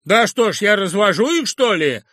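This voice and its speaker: A man's voice: fairly high pitch, sing-song, normal speed, pushed and bright, dry recording, studio quality, pitched above the performer's own voice. A male audiobook reader voicing a crude, brash young man newly made from a dog, mocking, aggrieved and insistent. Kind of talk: audiobook character reading.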